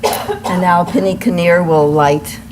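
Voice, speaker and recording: The congregation hears a measured, formal welcome and announcements from a female worship associate whose voice runs fairly low. It's a noisy live recording made in the room during a church service.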